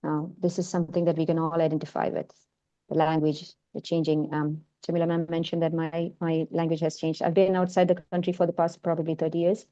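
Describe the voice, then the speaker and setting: This woman speaks Malayalam and has an accent blending Indian and American tones, and she's presenting her film work in an informal online session. Her voice sits low and warm with a level tone, moving fairly quickly, though the talk is hesitant, full of fillers and restarts. The sound quality is lo-fi.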